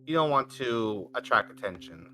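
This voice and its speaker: Menacing, theatrical fantasy adventurer played by a man: forceful, deliberate, expressive, for a tabletop game. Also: mid-range voice, soft background music. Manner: deliberate, intimidating. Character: menacing, theatrical adventurer making smooth threats. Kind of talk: tabletop role-play acting.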